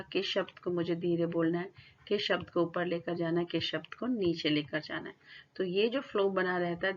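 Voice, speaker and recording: A woman teacher giving a lecture, explaining points in Hindi and reading English definitions out slowly. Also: lowish voice, lo-fi sound. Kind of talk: classroom lecture.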